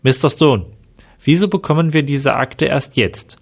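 A man's voice: mid-range voice, measured pace, gravelly, husky. Impatient male police chief, read aloud by a man, plain storybook delivery. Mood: brusque.

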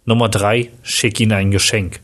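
A man voicing a cold, menacing bank robber ringleader in a read-aloud crime story, giving low, clipped commands. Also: little pitch movement, normal speed, fairly bright tone.

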